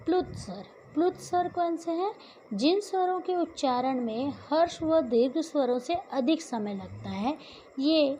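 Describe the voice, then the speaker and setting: A woman teacher with a high voice walks through a grammar lesson at an unhurried pace. She asks questions and answers them herself, and she stretches each example sound. The recording is a little dull, with faint hiss underneath. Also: warm tone.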